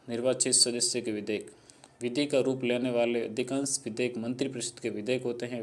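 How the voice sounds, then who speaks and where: A man reads out a civics lesson in a steady, level voice that barely rises or falls. His pitch sits in an ordinary middle register. His delivery is plain and monotone, with an occasional stumble over a word. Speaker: narrator. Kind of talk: read-out civics explainer.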